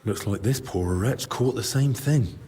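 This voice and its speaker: In a video game cutscene, an actor voices a blunt, probing young male investigator who speaks in a measured, matter-of-fact way. His medium-pitched voice is warm and slightly rough, and his mood is pensive and observant.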